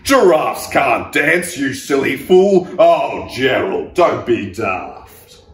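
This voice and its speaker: A man doing loud, brash jungle animals. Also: a little high, huge pitch swings, a little slow, a crowd in the background, pitched above the performer's own voice. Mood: mocking. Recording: roomy echo, distant mic.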